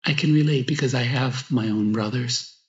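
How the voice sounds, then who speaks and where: A priest with a medium-pitched voice leads a guided meditation and spoken prayer that includes a gospel reading. He's slow and reflective, pausing between short phrases, and the echoey room gives a slightly dull sound.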